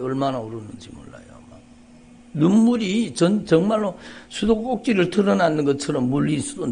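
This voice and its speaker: A middle-aged pastor tells an emotional testimony from the pulpit, his raised voice carrying a gravelly edge. He repeats phrases, dropping to near-whispers and then building again. Faint church noise sits behind him. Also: fairly high pitch, mellow. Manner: emotional, repetitive, rising and falling intensity. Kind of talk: dawn service sermon, personal testimony. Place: church sanctuary.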